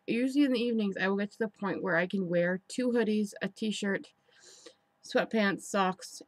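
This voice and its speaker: Woman vlogging at home, frustrated n candid, kinda halting rambly chat, mid pitch, very dry sound. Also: no room sound. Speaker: personal vlogger. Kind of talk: rambling confessional vlog chat. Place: indoors in an apartment.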